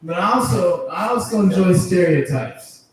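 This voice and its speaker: Animated and speaking at a moderate pace in a high voice, this stand-up comic works through a crude, profanity-heavy routine at a comedy club, chuckling at his own jokes in front of the crowd. His handheld stage mic is picked up from a distance, and the room echoes.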